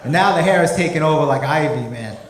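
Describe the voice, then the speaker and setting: A man's voice: fairly high pitch, expressive, fast, heavy background noise. A man performing a stand-up comedy set on a club stage, talking conversationally into a handheld microphone. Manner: conversational, peppered with "you know". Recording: roomy club recording, loud audience laughter.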